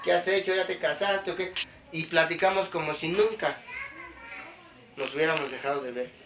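A man preaches to a small congregation, questioning them directly and building to emphatic peaks. His voice sits high. The recording is echoey and dull, with a faint hiss behind him. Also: normal speed. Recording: echoey room, dull lo-fi sound.

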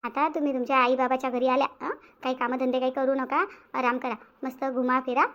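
A woman's voice: sits high, flat delivery, quick pace, a bit bright, highs cut off. A woman voicing a fussing village mother. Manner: fussing, insistent, repeats herself. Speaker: voice actor. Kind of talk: cartoon voice acting.

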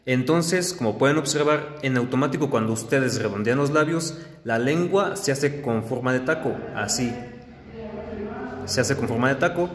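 A man teaching pronunciation slowly and carefully, demonstrating each sound. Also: medium pitch. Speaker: language teacher. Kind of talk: slow pronunciation lesson. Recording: long reverb with faint background noise.

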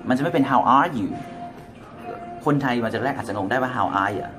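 A man's voice: mid-range voice, expressive, moderate pace, music in the background. A man with a Thai accent, a native Thai speaker, giving a casual English lesson and acting out example greetings. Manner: switches between English and Thai, acts out example phrases. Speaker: English teacher.

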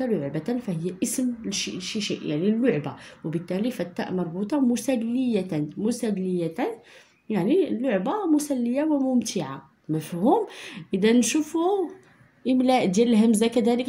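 A woman with a Moroccan Arabic accent teaching a primary school spelling lesson, repeating points patiently and dictating sentences slowly. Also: on the high side, dark tone. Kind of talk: online lesson explaining handwriting and spelling.

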